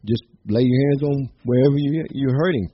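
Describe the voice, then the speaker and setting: A man's voice: medium pitch, a little fast. A man preaches with fervent energy, laughing lightly between lines and sprinkling amens. His voice sits in a middle register. The broadcast recording is a bit muffled, with a faint hiss underneath. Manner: fervent, chuckling often, repeated amens. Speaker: pastor. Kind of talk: sermon broadcast to viewers and listeners.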